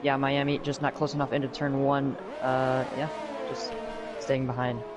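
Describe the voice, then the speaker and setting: A man giving live sim racing commentary as co-commentator, with halting, hesitant phrasing. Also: mid-range voice, little pitch movement. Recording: clearly noisy background.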